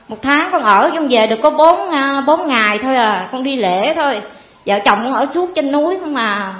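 A woman, giving a rambling, earnest personal testimony to a priest. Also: fairly high pitch. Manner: rambling, earnest, fills pauses with "cái" and calls the priest "cha". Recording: echoey, dull hall sound.

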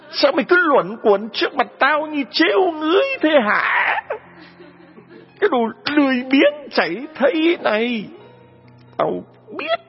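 A man voicing a cruel middle-aged stepmother who screeches and scolds, shouting insults, on a dull lo-fi recording. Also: sits high, husky, voice pushed up, heavily acted.

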